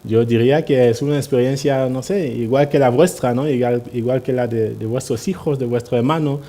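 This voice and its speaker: A man's voice: mid-range voice, fairly quick, dark tone. A man speaking at a party assembly, telling anecdotes in a hesitant way, with many tag questions and restarts. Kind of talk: anecdotal public speech. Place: assembly hall.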